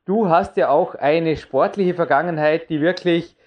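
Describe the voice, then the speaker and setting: A man's voice: fairly high pitch, unhurried, lo-fi sound. A man hosting a radio interview, asking leading questions and interjecting to clarify points. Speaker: podcast host and interviewer.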